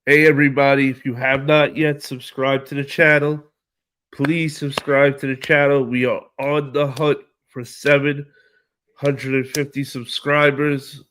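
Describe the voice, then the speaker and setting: A man hosting a casual live stream, reading viewer comments aloud and answering them in a relaxed, slangy way. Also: medium pitch, measured pace, slight background noise. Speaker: livestream host reading chat.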